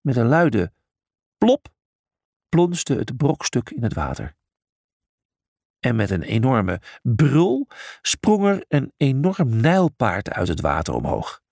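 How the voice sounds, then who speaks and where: Male audiobook narrator, lively, gravelly tone, dry studio sound. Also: mid-range voice, no room sound. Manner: expressive, unhurried storytelling.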